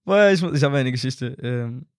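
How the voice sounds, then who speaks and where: A young man in his twenties from Germany, telling lively anecdotes in casual conversation, acting out quotes and laughing often. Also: medium pitch, moderate pace, no room sound, clean studio sound. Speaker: content creator and singer, guest.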